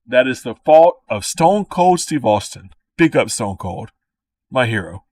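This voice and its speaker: A man's voice: mid-range voice, big pitch swings, measured pace, a little mellow. A man in his thirties with a Cajun accent, rambling through casual, profane commentary with frequent laughing asides. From Louisiana. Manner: laughing asides, swears often, repeats himself. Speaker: creator reacting to his own old video. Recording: dry voice, a bit far from the mic.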